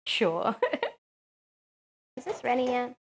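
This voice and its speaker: A fairly high-voiced woman talks casually through a cooking live stream. She is chatty and loose, filling pauses with "um" and answering chat as she goes. It sounds like she is in her home kitchen. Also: huge pitch swings, a little hiss or hum.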